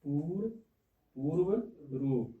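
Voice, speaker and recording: Male teacher, high voice, quizzing students; distant, roomy classroom recording. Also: takes it slowly, narrow, tinny audio. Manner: checks understanding with repeated "theek hai na?". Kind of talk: classroom lecture on Hindi grammar. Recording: echoey room, distant mic.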